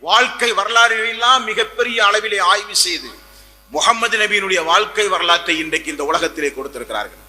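A man's voice: high-pitched, pushed and bright. A man preaching an Islamic sermon, emphatic, repeating phrases and asking rhetorical questions. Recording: long hall reverb.

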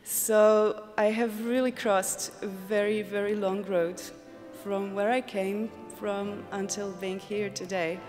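A woman's voice: mid-range voice, level tone, slow, darkish tone. Croatian woman, 30s, heartfelt winner's speech, echoing hall, music behind. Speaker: competition winner. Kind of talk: acceptance speech. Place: concert hall stage. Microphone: podium microphone. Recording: reverberant concert hall.

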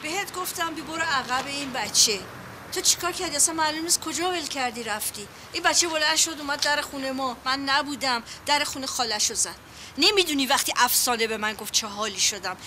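A woman's voice: high-pitched, noisy background, natural voice. An actress playing a protective, fussing aunt and mother who lectures in folksy sayings. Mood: lecturing. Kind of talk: Persian TV comedy series acting.

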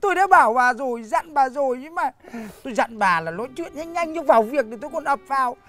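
An actor playing a bumbling, flustered husband who stammers and pleads in a comedy film. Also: male voice, very high-pitched, expressive, fast talker, sharp tone, faint music behind, full character voice. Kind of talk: comic film acting.

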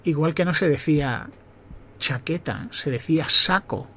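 A man with a Spain Spanish accent and a noticeably high voice for a man, hosting a podcast. He reminisces in an easygoing monologue, circling back and correcting himself mid-sentence as memories come to him. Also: a little slow, sharp tone, breathy edge. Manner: reminiscing, conversational, with self-corrections. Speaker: podcast host. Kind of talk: personal storytelling monologue.

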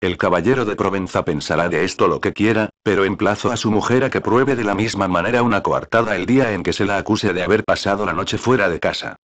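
A man with a low voice voicing a jovial, teasing young count in an audiobook reading, wry in manner. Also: fast talker, hardly any pauses, fairly bright tone, close to an everyday voice.

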